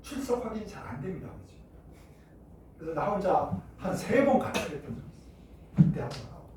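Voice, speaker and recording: A middle-aged man from Jeju Island telling a childhood story in a classroom chemistry lecture, acting out shouting voices along the way. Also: high-pitched, brisk, very noisy. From Jeju Island, Korea. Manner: animated, acts out shouting voices in his stories. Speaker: chemistry teacher. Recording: echoey room, mic far off.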